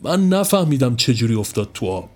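A man's voice: mid-range voice, sing-song, natural voice. A man doing a courteous middle-aged host. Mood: polite.

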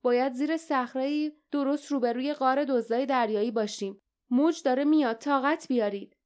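A woman reading an audiobook, voicing a gruff grown warrior who shouts urgent commands. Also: sits high, steady tone, pitched above the performer's own voice, lightly acted. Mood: urgent shouting. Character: tough grown man, gruff warrior companion.

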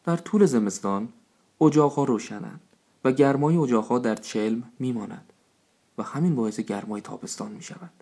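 مردی در نقش رئیس شورای نادان و خودپسند. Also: male voice, mid-range voice, warm tone, natural voice. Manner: self-satisfied, proclaiming. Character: foolish pompous male village council head. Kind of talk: storybook reading.

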